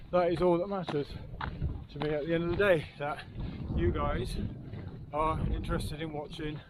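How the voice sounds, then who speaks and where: Breathless hiker in his fifties, slow and slightly high-voiced, rambling chat to viewers, heavy wind roar. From England. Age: 50s. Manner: chatty, rambling asides to viewers. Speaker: wild camping vlogger. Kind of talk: casual chat to camera while hiking. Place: outdoors on a windy hillside. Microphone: clip-on wireless mic. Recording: loud wind noise outdoors.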